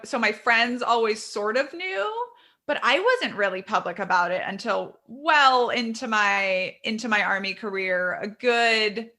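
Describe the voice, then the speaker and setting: A woman in her thirties, a guest author, telling her story candidly in a conversational interview. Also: fairly high pitch. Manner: candid, quick, animated storytelling.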